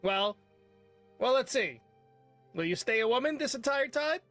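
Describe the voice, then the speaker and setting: A man's voice: extremely high pitch, expressive, moderate pace, fairly bright tone, soft background music. A man playing a tabletop game, asking quizzical questions. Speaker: player. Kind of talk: casual tabletop play.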